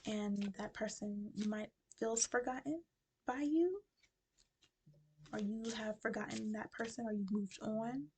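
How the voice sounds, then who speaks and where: Gravelly woman reading cards, wearing a retainer. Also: medium pitch, flat delivery. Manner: talks with a retainer in her mouth; slow, musing delivery with soft whispered phrases. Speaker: tarot card reader. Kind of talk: casual spiritual card reading.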